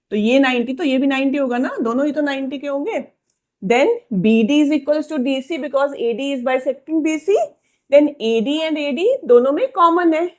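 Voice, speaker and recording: A woman as a patient maths teacher, fairly high voice, unhurried proof dictation with frequent checks on students. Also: darkish tone. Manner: slow, dictating proof steps word by word, often checking "ठीक है?". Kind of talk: Hindi-English maths lesson at a whiteboard.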